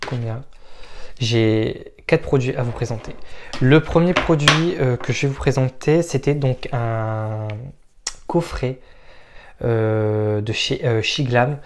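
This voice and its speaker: A man's voice: mid-range voice, slow, a little hiss or hum. A man giving a casual makeup product review, frank and opinionated, with frequent hesitant fillers. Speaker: makeup vlogger.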